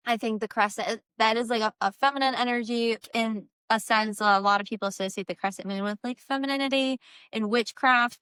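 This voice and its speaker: Female craft vlogger, crisp and bright, loose conversational delivery, earnest spiritual bent, filler-heavy. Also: mid-range voice, no echo. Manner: informal, meandering, frequent "like" filler; earnest, spiritual new-age way of explaining. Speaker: candle maker presenting own work. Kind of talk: casual rambling product vlog.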